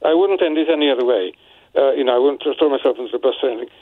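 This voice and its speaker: A man's voice: medium pitch, racing, no room sound. A man in his seventies calling a radio phone-in, speaking in a hesitant, apologetic way. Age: 70s. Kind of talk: serious phone conversation. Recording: muffled telephone line.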